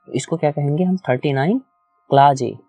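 A man's voice: a little high, fairly quick, mellow, breathy edge, soft background music. A man teaching a whiteboard lecture, explaining step by step, repeating key points and asking the class questions. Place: small room with a whiteboard.

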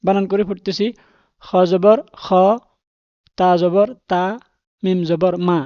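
A man teaching Quran reading, who spells words out letter by letter with patience and chants the verses slowly and melodically. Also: high-pitched, level tone, clean tone, no room sound, muffled recording. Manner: melodic drawn-out chanting when reciting verses. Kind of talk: slow Quran reading lesson.

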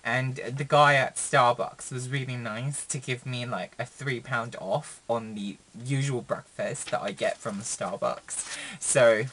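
A young man talks straight to his webcam from a small room, in a mid-range voice. His delivery is chatty and meandering, full of fillers, restarts and sudden expressive jumps in pitch. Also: slow, a little hiss or hum. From Philippines. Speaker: vlogger. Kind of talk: casual chat to camera.

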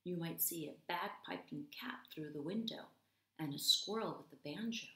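Reading a picture book expressively to young learners, a thirties-aged English teacher explains things plainly for kids. She has a low, bright, forceful voice and speaks at a normal pace. The recording comes from a small room at home and has roomy home-video sound.

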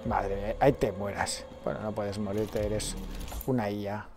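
A man, a let's play streamer giving excitable gameplay commentary and talking to himself. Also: on the low side, moderate pace, background noise. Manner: excitable, swears freely, talks to himself.

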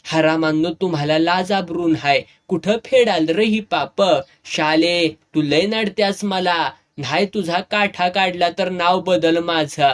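Man doing a ranting snake charmer, high strained shouts. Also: takes it slowly, few pauses. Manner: wailing, bitter ranting.

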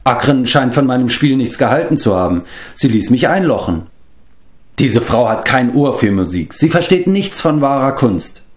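A man's voice: mid-range voice, big pitch swings, normal speed, lightly acted. A man reading aloud and voicing a boastful, hapless former king turned wandering bard who rambles and corrects himself. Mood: rambling. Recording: roomy echo.

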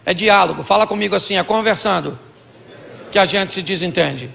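A man's voice: high-pitched, brisk, gravelly, fairly bright tone, long reverb tail, a little hiss or hum. A Brazilian man preaching a comic sermon on marriage to a live congregation, acting out both partners in couples' dialogues. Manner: acts out both sides of couples' dialogues, jokey. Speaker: pastor. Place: large church hall with audience.

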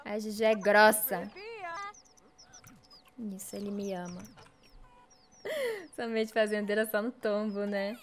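A young woman with a Brazilian Portuguese accent giving casual, excitable commentary while playing a farm game, squealing over cute animals. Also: medium pitch, slow pace, pauses often, slight background noise. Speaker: gaming streamer.

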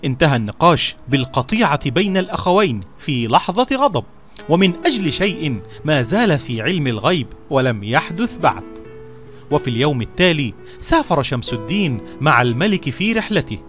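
A man telling a storybook tale in scripted narration, with a measured, expressive recitation. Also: a little high, soft background music.

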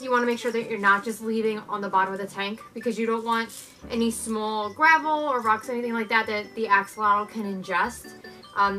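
A young woman giving a relaxed, chatty DIY tutorial with lots of filler words, sitting on her living-room floor and recorded by a camera a few feet away. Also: a little high, low-quality recording. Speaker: pet care vlogger.

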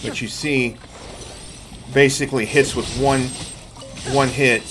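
Speaking slowly with fairly even intonation, a middle-aged man explains his gameplay to viewers during a casual live stream he hosts. His voice is mid-range, and the noisy background includes game music.

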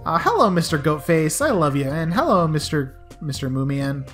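Low, scratchy young woman gaming casually. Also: big pitch swings, moderate pace. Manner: playful, chatty, talks to game characters. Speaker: let's play host. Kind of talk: casual game commentary. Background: soft game music.

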